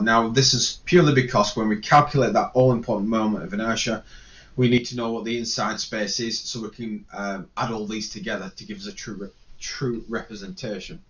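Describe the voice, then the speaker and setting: This engineering lecturer has a lowish yet fairly bright voice, heard through a muffled recording. In his screen-captured spreadsheet tutorial he talks through a calculation aloud, correcting himself as he goes.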